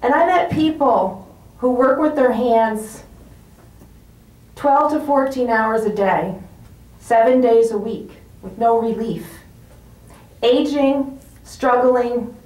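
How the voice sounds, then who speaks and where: A woman with a fairly high voice delivers a rousing rally speech. She goes slowly, setting out short, emphatic phrases one at a time. The sound is strongly echoey. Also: a little mellow. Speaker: rally speaker. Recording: roomy echo, distant microphone.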